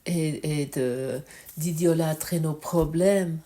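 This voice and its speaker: A woman giving a spiritual teaching talk, reflective and halting, often asking the listener direct questions. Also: sits low, dark tone. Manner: searching for words, halting.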